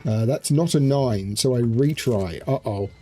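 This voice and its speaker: A man with a mellow, mid-pitched voice plays through a fantasy game. He reads the story text like a storyteller and drops in offhand remarks, with faint music in the background. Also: measured pace. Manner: switches between storyteller reading and offhand remarks. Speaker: gaming video player. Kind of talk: game commentary, reading on-screen story text aloud.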